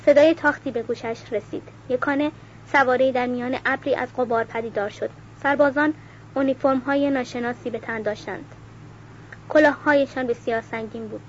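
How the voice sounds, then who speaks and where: A woman reading a novel aloud in a steady, even voice, now and then correcting a slip. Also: high-pitched. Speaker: audiobook reader. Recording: dull lo-fi recording with faint hiss.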